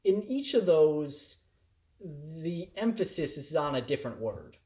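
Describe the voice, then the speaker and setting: A man teaching a recorded critical thinking lecture, playful and animated, trying out the same sentence with shifting emphasis. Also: a little high, a little slow. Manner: animated and playful, acting out examples in varied emphasis. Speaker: college instructor.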